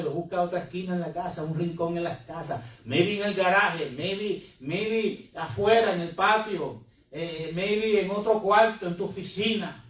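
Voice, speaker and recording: A man who is a pastor, preaching a sermon to his congregation and mixing in English words, recorded from a distance in a church hall. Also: on the high side. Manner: preaching with Spanish-English code-switching. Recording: echoey room, mic from a distance.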